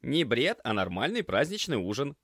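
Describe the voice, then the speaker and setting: A man voicing a quick, unflappable young kitchen hand who snaps orders and quips in an audiobook. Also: high voice, huge pitch swings, no echo, studio quality, voice pushed up. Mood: brisk. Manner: snappy, brisk. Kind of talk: audiobook character voice.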